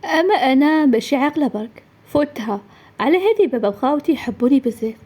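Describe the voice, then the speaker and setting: A young woman narrating her own story in a lively, conversational way. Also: high voice, fast talker. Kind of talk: first-person story narration.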